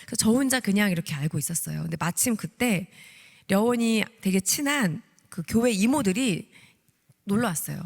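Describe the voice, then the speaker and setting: A woman in her thirties tells a testimony from a church pulpit, acting out her own prayers with animated storytelling. Her voice sits at an ordinary middle pitch. The sound carries a long reverb from the church hall. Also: normal speed, vocal fry. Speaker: deaconess giving a testimony. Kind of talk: testimony sermon. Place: church sanctuary.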